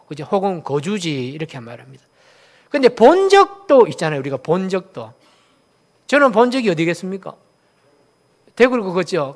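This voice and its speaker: A man from Daegu, South Korea, preaching a sermon as a pastor, asking the congregation questions and having them repeat phrases after him. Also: sits high.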